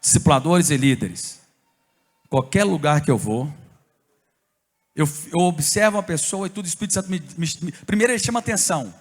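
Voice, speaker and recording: Brazilian male pastor, high-voiced, lively sermon storyteller, church hall reverb. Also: a little fast, long pauses. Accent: Brazilian Portuguese. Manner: animated storytelling preacher, bursts of shouting and tongues.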